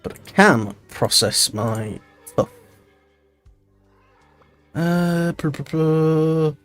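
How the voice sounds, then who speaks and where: With a fairly high pitch, lively intonation and drawn-out words, a streamer rambles and thinks aloud while playing a building game. His casual gameplay commentary comes over background music, and he sounds tired and stuffy-nosed from a cold.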